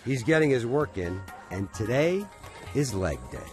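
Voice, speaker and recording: A man's voice: mid-range voice, big pitch swings, moderate pace. A man giving scripted documentary narration as a studio voice-over, with an upbeat, wry storytelling manner. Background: soft music bed.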